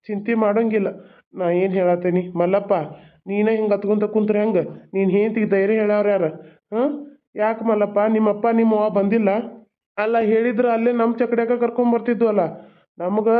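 A man voicing an older village man with a North Karnataka Kannada accent, speaking in a slow, matter-of-fact way. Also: high voice, close to an everyday voice. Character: older village man giving practical advice. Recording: tinny phone-like sound.

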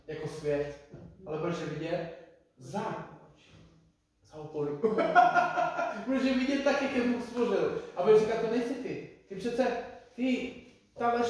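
A man's voice: high voice, darkish tone, slight background noise. Distant, echoey Czech-style preacher man. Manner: conversational, repeats phrases, addresses listeners directly. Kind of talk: informal sermon. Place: church hall. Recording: echoey room, distant mic.

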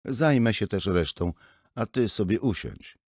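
Sullen mumbling college-age son, read by a man, low husky voice, storybook. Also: animated, unhurried, darkish tone, no room sound, clean studio sound. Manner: mumbling, subdued.

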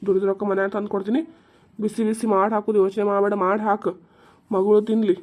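A woman voicing an old drunkard village husband, who talks back gruffly and curtly in a cartoon comedy. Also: medium pitch, flat delivery, quick pace, darkish tone, natural voice.

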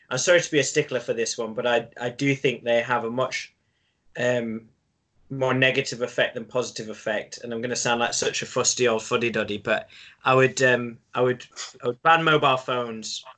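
A male secondary school teacher talks as a guest in a relaxed chat. His voice is bright and sits at a middling pitch. He thinks aloud and repeats words, and he pokes gentle fun at himself. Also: moderate pace. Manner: thoughtful, self-deprecating, repeats words as he thinks. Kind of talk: casual conversation.

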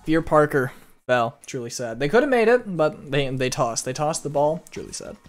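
A young man streams a game and talks with his viewers in a playful, animated way, hums little tunes and reads chat aloud. His voice sits a little high for a man and swings widely in pitch. Faint music plays behind him. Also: moderate pace. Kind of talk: live gameplay commentary.

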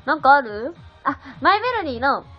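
Giggly young woman streaming, high voice that jumps all over, dull lo-fi sound w faint music. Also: very animated, fairly quick. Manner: giggly, chatty, answers viewer comments. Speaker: livestreamer. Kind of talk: casual live-stream chat.

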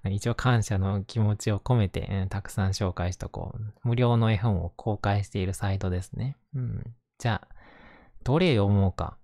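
A man with a Kansai accent talking gently and casually in a reassuring, intimate ASMR bedtime style, close to the microphone. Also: on the low side, normal speed, dry recording. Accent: Kansai Japanese. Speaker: host reading bedtime picture books to listener.

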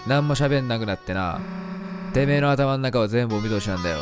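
A man voicing a tough, rude monster schoolgirl who talks in a gruff, threatening way while reading game dialogue. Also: medium pitch, fairly quick, loud music behind the voice, voice pushed down, close to an everyday voice. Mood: menacing. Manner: gruff, threatening, coarse speech. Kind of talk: voicing game dialogue during a let's play.

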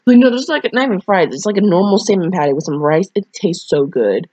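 A young woman with a lowish, warm voice reads fanfiction aloud briskly and with lively intonation, lying down at home while sick. Her muffled lo-fi home recording is dry. An amateur YouTuber, she rambles and mumbles blunt, slangy, sweary, self-deprecating asides.

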